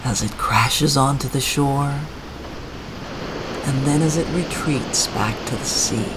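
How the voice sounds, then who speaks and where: A meditation guide leading a guided relaxation with calm, gentle phrasing and long pauses between lines. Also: medium pitch. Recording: clear ambient background noise.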